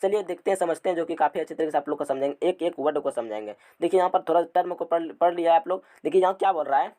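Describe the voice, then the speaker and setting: A man teaching a grammar class. He repeats words and asks the students questions, and reads English rules slowly word by word. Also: a little high, warm tone.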